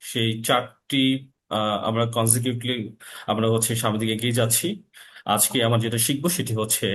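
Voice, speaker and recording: A man teaching an online Quran recitation lesson, slowly drawing out Arabic letter sounds and reciting short phrases. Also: medium pitch, a bit bright, slight background noise. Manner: slow, drawn-out demonstration of Arabic letter sounds.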